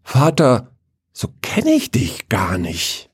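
A man's voice: on the low side, expressive, measured pace, darkish tone, husky, no room sound, full character voice. A man voicing a nervous young man who stammers and hurries through his words. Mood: flustered.

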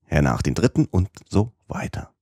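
A man's voice: low-pitched, very animated, moderate pace, mellow, slightly rough, no echo, clean studio sound, full character voice. A man voicing a stern, obsessive old professor in an audiobook, with a commanding, lecturing tone. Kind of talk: audiobook character voice.

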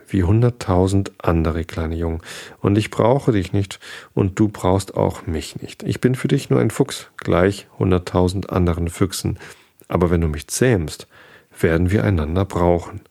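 A man reading a storybook aloud and voicing a wise, wistful fox in a gentle, thoughtful way. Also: low-pitched, a little slow, gravelly.

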